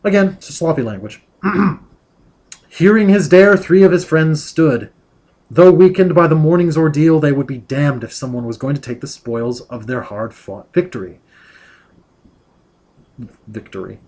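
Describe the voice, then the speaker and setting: A man with a slightly higher-than-average voice who reads a book aloud. He keeps stopping to pick apart the prose in a dry, digressive, nitpicking way. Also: a little slow, pauses often, a little mellow. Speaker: book critic reading aloud. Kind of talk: reading with critical commentary.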